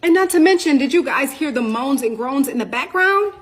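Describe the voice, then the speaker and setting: A woman's voice: high voice, expressive, brisk. Urgent woman talking while doing makeup. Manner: urgent, questioning, addresses viewers as "you guys". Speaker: storytime TikTok creator. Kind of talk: direct-to-camera storytime vlog.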